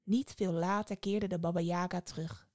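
A woman telling a fairy tale in calm, scripted podcast narration. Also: lowish voice, moderate pace, no echo, studio quality. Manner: calm, even storytelling. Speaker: podcast storyteller.

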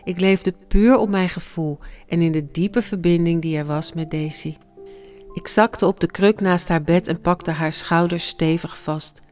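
A grieving parent reading a scripted memoir in a slow, hushed and reflective way, with a smooth, resonant voice over faint music. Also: mid-range voice, steady tone.

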